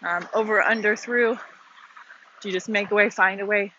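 A woman who is an author and podcast host chats casually for a walking vlog on a shaded outdoor path, a little out of breath and rambling with fillers and musing questions. Her mid-range voice is steady and sharp at a moderate pace, on a lo-fi recording with slight background noise.

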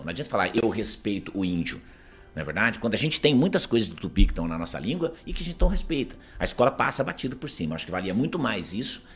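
As an interview guest, a Brazilian man with a Paraná accent pushes his opinions in an emphatic, argumentative way, repeatedly asking rhetorical "isn't it true?" questions. His voice is medium-pitched, a bit bright, with a breathy edge.

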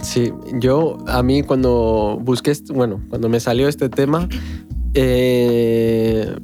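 A man's voice: mid-range voice, steady tone, slow. A man hosting a casual podcast chat, talking with frequent restarts and fillers. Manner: hesitant, many restarts and fillers. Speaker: podcast host. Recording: music bed underneath.

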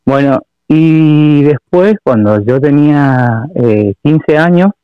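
A man from Argentina with an Argentine Spanish accent, calling in to tell a personal story in a halting way, full of fillers and repeats. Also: a little high, animated, smooth, no echo, muffled recording. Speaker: caller. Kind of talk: telling a personal story on a call-in show.

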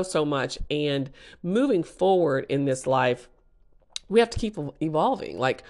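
A woman hosting a motivational talk, speaking directly to listeners in a conversational, emphatic and urging way. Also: fairly low pitch. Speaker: podcast host and small business coach.

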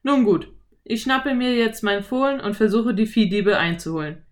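A woman voicing a lanky, friendly male cowboy in an audiobook, speaking loudly with an easy, self-assured drawl. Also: on the high side, normal speed, pitched above the performer's own voice, lightly acted. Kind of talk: audiobook character voice.

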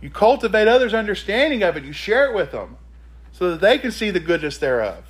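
A man's voice: sits high, very animated, brisk. A man preaching a sermon, reading scripture and pressing the congregation with emphatic rhetorical questions.

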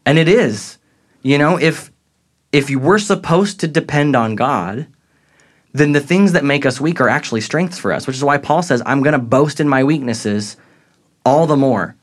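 A man's voice: medium pitch, normal speed. A young man telling his faith story as a podcast guest, earnest and reflective. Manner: earnest, reflective, grows excited retelling moments. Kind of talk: faith testimony in casual conversation.

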